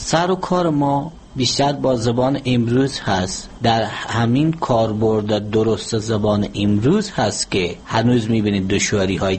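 A man, a language expert being interviewed, explaining in a measured, lecturing way with hesitant pauses. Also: fairly low pitch, slight background noise.

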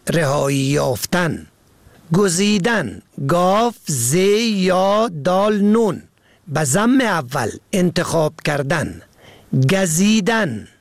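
Male radio presenter, careful spelled-out lesson reading; fairly high, gravelly, dry close sound. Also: no room sound. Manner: slow, careful spelling out of words. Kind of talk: scripted language lesson reading.

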